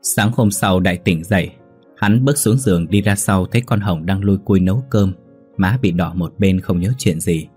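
A male storyteller narrates a scripted audio story in a steady, measured way. His voice is low and husky. Faint music plays underneath.

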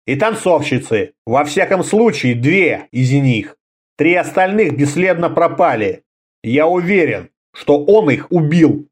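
A proud young barbarian, as a male narrator voices him, calm and terse in every reply. His voice is fairly high for a man and moves through a wide pitch range. It sounds like a fantasy read-aloud. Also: measured pace. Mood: cool.

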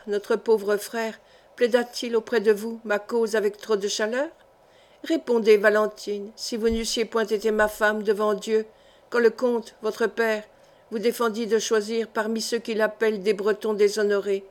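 A woman's voice: on the high side, natural voice. A woman reading the part of an anguished, jealous young nobleman husband in an audiobook, passionate and pleading.

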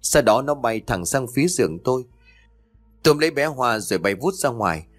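A man's voice: mid-range voice, lively intonation, normal speed, soft background music, close to an everyday voice. A man voicing a desperate, grieving village mother who pleads through sobs. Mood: shaken. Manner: sobbing, pleading, breaking voice.

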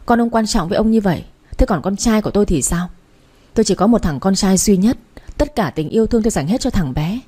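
A woman reading a storybook voices a wealthy young father who gently comforts his wife and turns commanding and threatening when his son goes missing. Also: sits high, lively intonation, quick pace, slightly rough. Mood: furious. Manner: protective, commanding.

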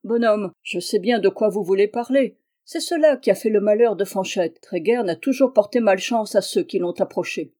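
A woman's voice: mid-range voice, moderate pace, few pauses, mellow, lightly acted. A woman reading the part of a skeptical, aging male villager who talks in a provoking, dismissive way.

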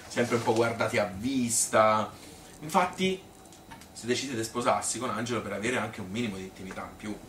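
A man with a Tuscan accent performs a solo stage monologue as a chatty working-class woman, reminiscing in a wistful, rambling, colloquial way that halts and repeats itself. His voice is fairly low, a bit bright and close to everyday speech, and the piece sounds spontaneous. The live recording is roomy, distant and noisy.

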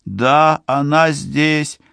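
Audiobook: man doing a desperate young woman, raised high, shouting and tearful. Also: steady tone, drawn-out words, creaky, clean tone, dry recording, studio quality, full character voice. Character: desperate young woman calling for her mother. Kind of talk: audiobook character voice.

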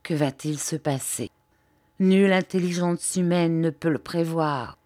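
A woman's voice: low-pitched, measured pace, darkish tone, no echo. A woman reading a grave male scientist. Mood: grave, urgent. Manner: earnest, urgent explaining.

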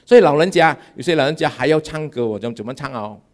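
A man's voice: on the high side, lively intonation, fast. Pastor in his 50s, sermon bits, voice jumps up and down a lot, jokey the crowd. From Malaysia.

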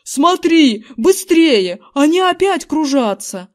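A woman voicing a panicky middle-aged man in an audiobook, yelling frantically. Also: animated, slow pace. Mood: frantic. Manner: yelling, frantic, high-strung. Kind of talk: audiobook character voice.

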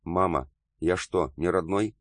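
Audiobook: male reader doing a distraught young man, choked, low voice, dry. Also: unhurried, no echo. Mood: hurt. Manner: choked, tearful.

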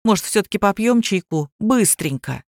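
A young medic chimes in casually, as a woman narrator reads him. The sound is dry and close, her pitch mid-range. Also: animated, normal speed, dry recording, close to an everyday voice. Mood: easygoing. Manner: pleading, chatty. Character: young male paramedic, easygoing.

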